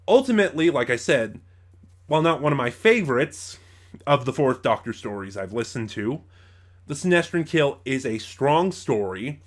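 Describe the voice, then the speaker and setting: The speaker is a man reviewing something casually as a channel host, with a somewhat bright, mid-range voice. He meanders, shares firm opinions, and often backtracks to fix what he just said.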